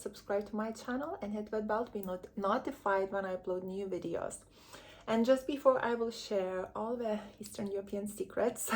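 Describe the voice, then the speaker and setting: A woman from Lithuania, a relationship coach giving earnest, chatty advice to camera and drawing on her own upbringing. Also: mid-range voice. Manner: earnest, chatty, candid with personal stories. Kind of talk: direct-to-camera advice vlog.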